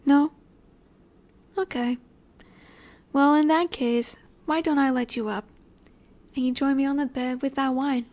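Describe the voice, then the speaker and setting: Here the woman's high, darkish voice stays fairly even and a little slow, broken by frequent pauses, as she plays a cocky she-wolf alpha in a flirty roleplay. Flirty and commanding, she teases and taunts, sure of her dominance.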